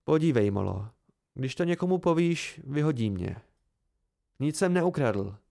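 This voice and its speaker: A man voicing a guarded, sheepish young male student, speaking low and subdued. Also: animated, gravelly, dark tone.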